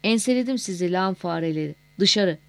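A woman's voice: on the low side, lively intonation, fairly quick, gravelly. A woman voicing a ruthless, war-loving male army captain in an audiobook reading, speaking in a gloating, commanding way.

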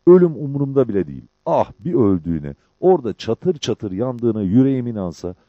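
A man's voice: mid-range voice, sing-song, a little fast, no echo, voice pushed up, natural voice. A man voicing a bitter, grieving young male outlaw who speaks earnestly, in a dull lo-fi recording. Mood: lamenting. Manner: earnest, lamenting.

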